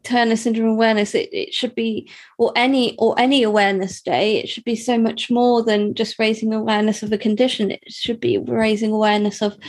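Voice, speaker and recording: A woman's voice: fairly high pitch, a little mellow. A young woman from the UK, talking hesitantly about her life in an interview, with many fillers and restarts. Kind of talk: personal interview.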